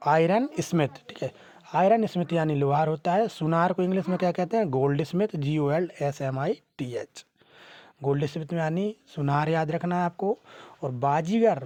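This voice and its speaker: An English teacher runs through a vocabulary list in an online class at a mid pitch. The teacher asks and answers each question and spells every word out letter by letter. The talk is dotted with "hmm" and "theek hai" fillers. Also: warm tone. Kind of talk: vocabulary lesson.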